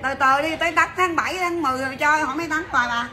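High bright chatty saleswoman. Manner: chatty, brisk, calls out to viewers. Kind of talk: fast livestream sales patter.

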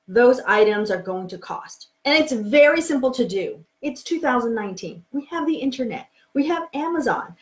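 A woman in her forties teaching home renovation planning in a frank, chatty live video from her home office, using a webcam. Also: a little high. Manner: frank, chatty, emphatic, with frequent ums.

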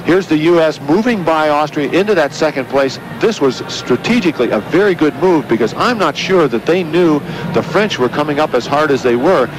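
A man's voice: a little high, animated, moderate pace, hardly any pauses, noisy background. A man commenting on a kayak race as an expert, explaining strokes and tactics. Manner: analytical, predictive. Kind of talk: sports commentary.

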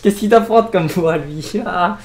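A man's voice: high-pitched, a little slow, crowd noise. A man with a Belgian French accent improvising casual role-play dialogue in a colloquial, repetitive, talkative way. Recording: echoey room sound.

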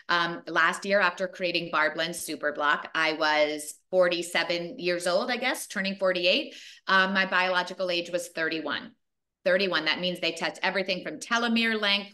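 An energetic woman in her forties talks on a video call from home, pressing her points with emphatic repetition. Her voice sits a little low for a woman yet sounds bright and forceful. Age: 40s. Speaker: fitness program creator. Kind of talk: video call talk to business partners.

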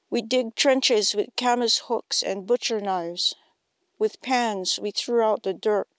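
A woman from Hawaii calmly reads a scripted historical narration. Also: mid-range voice, no room sound. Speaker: narrator and co-host.

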